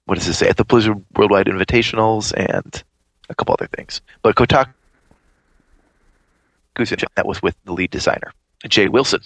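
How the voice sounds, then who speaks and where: A man's voice: fairly low pitch, moderate pace, vocal fry, pauses often, a bit bright, no echo. A man co-hosting a casual online chat over a voice call, his audio glitchy and breaking up as he hesitates and trails off looking for details. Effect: buzzy, glitchy call audio that breaks up. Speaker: podcast co-host. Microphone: internet voice call.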